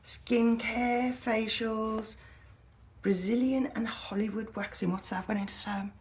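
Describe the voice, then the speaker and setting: A woman's voice: fairly high pitch, steady tone. An actress playing a blunt, decisive woman in a TV soap who has lost her memory. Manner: blunt, quick to decide. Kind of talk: TV soap acting.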